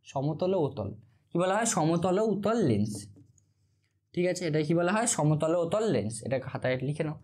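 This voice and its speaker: A man's voice: high-pitched, darkish tone. A male physics tutor giving an informal classroom lecture. He asks the same question again and again, answers it himself, and stumbles over technical terms.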